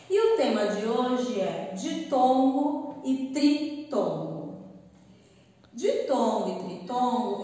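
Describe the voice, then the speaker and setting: A patient schoolteacher speaks very slowly with lively pitch, spelling out syllables in a recorded lesson for pupils. A distant camera picks her up in a roomy, echoing classroom with a board.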